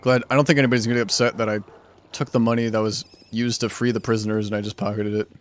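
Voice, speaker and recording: A man's voice: lowish voice, flat delivery, very fast. A male streamer casually thinking aloud while playing a game, rambling and unsure, with lots of "like". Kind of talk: casual gameplay commentary.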